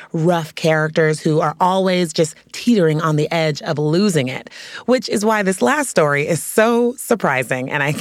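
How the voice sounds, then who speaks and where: A woman hosting an entertainment news podcast, lively and giggling as she talks. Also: lowish voice, no echo, studio quality. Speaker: podcast host.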